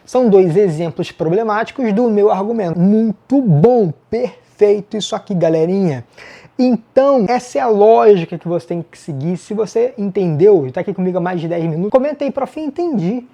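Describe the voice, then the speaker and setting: A man with a Brazilian Portuguese accent, giving a casual online essay-writing lesson. He is brisk and self-mocking, and he talks straight to his students. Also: high voice, lively intonation, vocal fry, dark tone.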